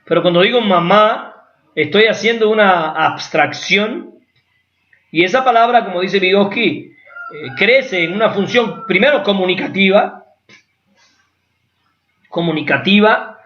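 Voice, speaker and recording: A man's voice: sits high, a little slow, long pauses, a bit bright. A man giving an academic lecture, explaining patiently with rhetorical asides. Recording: echoey room, dull lo-fi sound.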